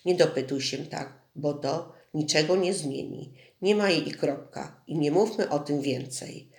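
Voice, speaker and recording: A stern, weary village mother, as an audiobook narrator puts her on, clipped and scolding, never letting her feelings show. Her lines come at a middling pitch, and the reading carries a roomy echo. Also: unhurried, vocal fry. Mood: angry. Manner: curt and scolding. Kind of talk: audiobook dialogue.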